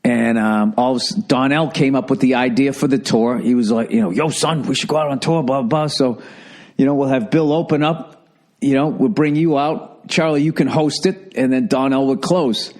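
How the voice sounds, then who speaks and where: Man, forties, podcast host, casual storytelling, profane, animated, does quick impressions, middle pitch.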